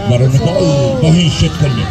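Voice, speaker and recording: A man's voice: a little high, normal speed, vocal fry, rough recording. Frantic male football commentator over a roaring crowd. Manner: exclamatory, addresses the crowd. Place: outdoors at a local football ground. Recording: loud crowd and outdoor street noise. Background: loud crowd, outdoor urban noise.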